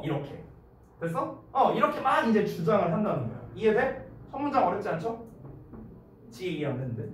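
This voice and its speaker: A man tutors English in a casual, lively lecture. His high voice swings widely, and he checks often whether his students are following. He is heard from far off in a very echoey room with faint noise behind. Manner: keeps checking understanding with quick questions; lively, gives acted-out examples.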